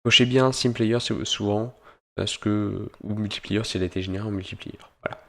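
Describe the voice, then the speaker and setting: A man hosting a software tutorial, explaining each step in turn and often pausing to search for words. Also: on the low side, steady tone, creaky. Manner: step-by-step explaining, stringing steps with "donc"; hesitant, with frequent pauses to search for words. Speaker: host of a gaming tutorial channel. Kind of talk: screen-recorded software tutorial narration.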